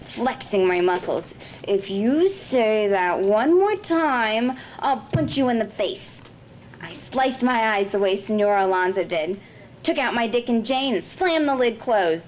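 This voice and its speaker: Woman, author, reading fiction aloud, measured, expressive, mid-pitched, faint background noise. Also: low-quality recording. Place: literary festival event.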